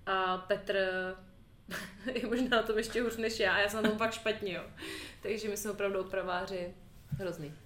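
A woman's voice: mid-range voice, steady tone, a bit bright. Co-host: Czech woman, thirties, teasing and easy to laugh, roomy echo, faint hiss. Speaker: podcast co-host. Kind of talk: casual chat. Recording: echoey room with faint noise.

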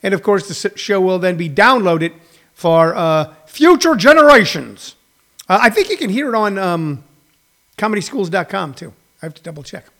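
A male host chatting casually to his listeners in a halting, digressive, self-deprecating way. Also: sits high, animated, fairly bright tone. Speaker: host of a daily live streamed comedy radio show. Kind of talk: casual, rambling chat to listeners.

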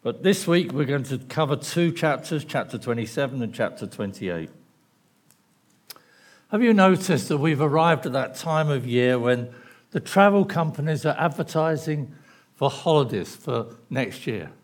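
A man preaches a Sunday sermon with a voice gone hoarse, his pitch sitting in the middle range. He talks to the congregation in an easy, chatty way, asking questions and musing aloud. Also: lively intonation, moderate pace. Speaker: pastor. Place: church hall.

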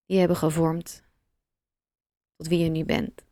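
A woman guiding a meditation, speaking slowly and softly with long pauses. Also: low-pitched, no echo, studio quality. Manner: slow, soft and calm, with long pauses. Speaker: meditation guide. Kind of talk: guided meditation.

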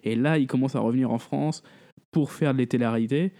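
Fast-talking man with a warm voice. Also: mid-range voice. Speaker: podcast co-host. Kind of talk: casual chat.

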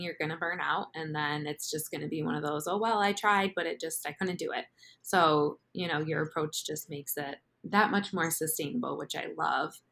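A woman hosts a podcast with a low, steady voice. She listens, agrees and sums up her guest's points in a reflective way. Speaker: podcast host. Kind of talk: podcast interview chat.

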